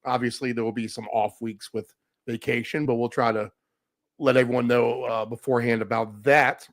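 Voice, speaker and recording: A man co-hosting a podcast, talking in a relaxed way with short affirmations as he wraps up the show. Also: medium pitch, normal speed. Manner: relaxed, brief affirmations, loose wrap-up. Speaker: podcast co-host. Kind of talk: casual podcast chat.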